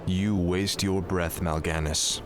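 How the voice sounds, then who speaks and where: An actor playing a vengeful young human prince gone dark in a video game, solemn and brooding. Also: male voice, low voice, fairly even intonation, takes it slowly, music in the background. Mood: defiant.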